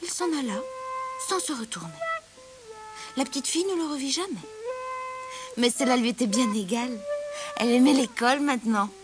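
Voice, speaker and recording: Expressive woman reading a children's story. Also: high voice, moderate pace, pauses often, over music. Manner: expressive, dramatic narration.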